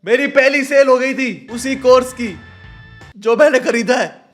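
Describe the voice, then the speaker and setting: A young man, his voice pitched very high, delivers sarcastic reaction commentary. Light music sits faintly underneath. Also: unhurried, a bit bright. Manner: sarcastic, mixes English into Hindi. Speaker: YouTube commentator.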